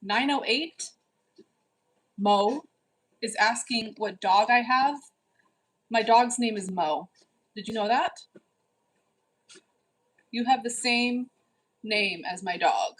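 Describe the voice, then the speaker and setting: Reading her livestream chat casually, a woman in her forties teases viewers bossily and scolds the rude ones. Her voice sits on the high side, and the audio is poor.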